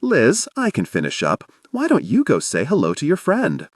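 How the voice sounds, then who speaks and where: A kind, welcoming grandmother, read by a male narrator. She speaks gently in a lively voice, recorded close and dry. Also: on the high side, normal speed, no echo, voice pushed up. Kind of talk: audiobook character voice.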